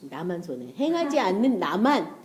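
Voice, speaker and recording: A woman preaches in a chatty, conversational way and often slips into acted-out prayers and inner thoughts. Her voice is mellow and warm, sitting at an ordinary middle pitch. She keeps the tone familiar and unhurried. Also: very animated. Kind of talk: sermon.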